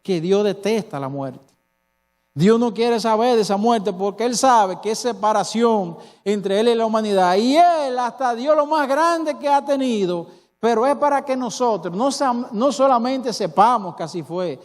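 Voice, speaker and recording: A man's voice: very high-pitched, normal speed. A male pastor with a Dominican accent preaching a sermon, emphatic and full of rhetorical questions to the congregation. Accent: Dominican Spanish. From Dominican Republic. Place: church hall. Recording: reverberant church hall.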